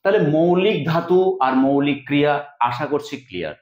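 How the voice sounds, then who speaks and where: A man's voice: fairly high pitch, sing-song, fairly quick, dull audio. A male Bengali grammar teacher explaining rules step by step, repeating key points in a classroom lesson. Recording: echoey room sound.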